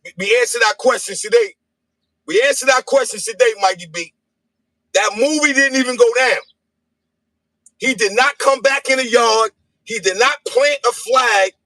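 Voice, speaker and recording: A man in a casual livestream chat, taunting in an animated, sing-song way. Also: very high voice, normal speed, pauses often, dry recording. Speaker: podcast guest. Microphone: phone livestream.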